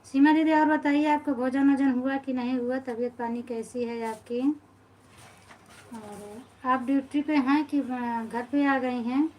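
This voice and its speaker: A woman's voice: sits high, steady tone, unhurried, a little mellow, a little hiss or hum, rough recording. A woman in her thirties with an Awadhi-inflected Hindi accent, hosting a casual live stream and chatting with her viewers. She greets them by name and grumbles about how tired and busy she is. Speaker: live-stream host and folk singer.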